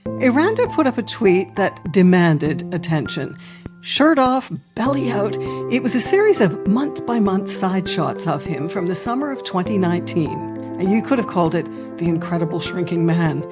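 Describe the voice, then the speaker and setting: A woman's voice: mid-range voice, very animated, normal speed, over music. A woman in her sixties hosting a podcast, chatty and enthusiastic as she talks with her guest. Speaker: podcast host. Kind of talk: podcast interview.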